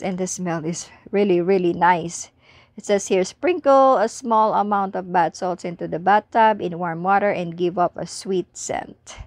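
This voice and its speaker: A woman presenting a shopping haul in a relaxed, chatty way, sounding tired and sleepy, with soft laughs and halting restarts. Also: medium pitch. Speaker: haul vlogger. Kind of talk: casual product show-and-tell.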